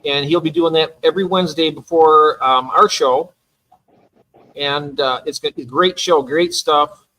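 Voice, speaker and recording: A man's voice: on the high side, a little slow, sharp tone, rough recording. A man hosting a casual livestream chat, enthusiastic and talkative, often trailing off mid-thought. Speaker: livestream host.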